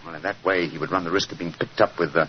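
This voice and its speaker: An actor playing a brisk, commanding male detective in an old radio drama. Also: sits low, steady tone, natural voice. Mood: probing. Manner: crisp, authoritative reasoning. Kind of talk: 1950s radio drama acting. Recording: dull old radio recording, light hiss.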